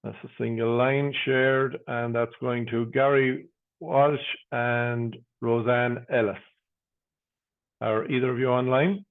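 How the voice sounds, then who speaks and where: A man working as a bingo caller, announcing numbers digit by digit with traditional nicknames in a measured, formulaic way. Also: medium pitch, steady tone. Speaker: bingo caller, host of an online bingo game. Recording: narrow phone-like sound.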